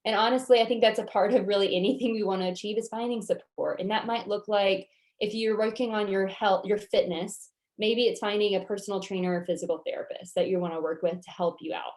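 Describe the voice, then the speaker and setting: A woman's voice: mid-range voice, fairly even intonation, fairly quick, few pauses, darkish tone. A woman with a Southern US accent coaching a workshop, answering questions in a casual, reassuring, conversational way. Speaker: goal-setting workshop coach.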